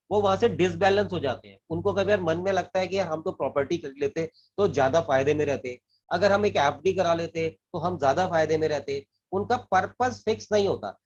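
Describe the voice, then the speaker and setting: A man whose voice sits on the high side, a little mellow and slightly rough, speaks to camera as a financial advisor. He earnestly explains saving and investing, often repeating and restarting phrases and mixing English terms into his Hindi, all in a dull lo-fi recording.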